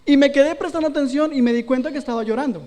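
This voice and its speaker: A man's voice: very high-pitched, rapid-fire, dark tone, in a large hall. A man preaching a sermon, telling a personal testimony and quoting his own prayers aloud. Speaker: pastor. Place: church hall.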